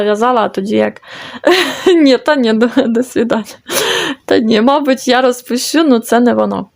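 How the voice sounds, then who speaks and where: Chatty woman, a little high voice. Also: a little mellow. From Ukraine. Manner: chatty, thinking aloud with many fillers. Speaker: knitting channel host. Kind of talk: casual crafting video report.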